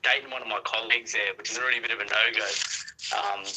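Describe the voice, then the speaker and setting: A man's voice: lowish voice, fairly even intonation, racing, pushed and bright. A young Australian man chatting casually and telling slangy anecdotes over an internet phone call. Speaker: caller. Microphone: WhatsApp phone call.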